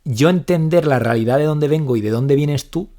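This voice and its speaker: A young man with a Spain Spanish accent, a psychologist co-hosting a casual podcast, talking quickly and acting out example lines. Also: on the high side. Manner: fast, animated, acts out example lines. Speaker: psychologist co-host.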